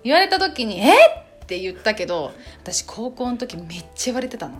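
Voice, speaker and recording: A woman's voice: on the high side, fairly quick, soft background music. A young adult woman co-hosting a podcast, chatting casually and telling stories with frequent giggles. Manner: giggly, animated storytelling. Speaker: podcast co-host. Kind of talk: casual chat.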